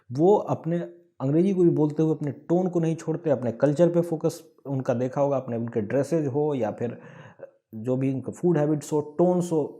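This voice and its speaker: A man from Bihar with a Bihari accent, explaining an online English lesson with everyday examples and lively emphasis. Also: fairly high pitch. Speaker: English teacher.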